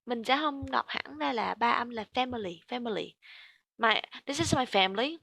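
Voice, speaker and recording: A woman with a Vietnamese accent tutors English pronunciation, switching between Vietnamese explanations and English examples. She says each word slowly and repeats it for her student. Her voice is bright and slightly high, recorded close and dry. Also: vocal fry, no echo. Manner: models words slowly and repeats them for the learner. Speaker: English teacher.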